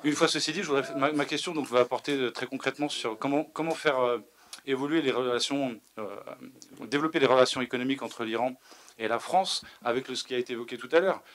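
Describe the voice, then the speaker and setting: Man, mid pitch, audience question, stammering, repeats words. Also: fast, fairly bright tone. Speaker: audience member asking a question. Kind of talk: spontaneous public question. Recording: lecture hall.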